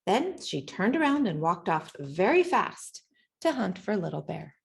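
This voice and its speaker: A woman reading a children's picture book aloud in an expressive storytelling manner, acting out the sounds and dialogue. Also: mid-range voice, measured pace, vocal fry, breathy edge. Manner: animated, acts out sounds and dialogue. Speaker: storybook reader.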